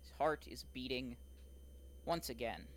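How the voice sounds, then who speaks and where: A man narrates a tabletop game as its game master, describing scenes calmly. His voice sits in a middle register. A faint noise runs under his voice. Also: mid-range voice, unhurried.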